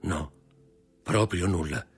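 A man voicing a grave, nervous older male impostor in an audiobook, with a husky voice. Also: low-pitched, slow, faint music behind, full character voice. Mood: formal. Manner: grave, stiff, formal.

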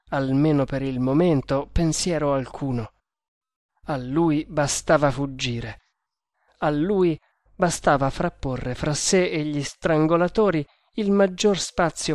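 A man's voice: a little high, dry recording, clean studio sound. Male narrator reading an adventure novel. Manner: measured, dramatic reading. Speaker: audiobook narrator. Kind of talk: scripted audiobook narration.

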